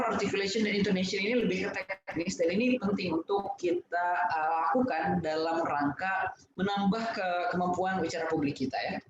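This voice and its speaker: A man giving an online lesson on public speaking, explaining point by point with many fillers. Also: high-pitched. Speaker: webinar speaker. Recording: echoey, distant, dull and noisy.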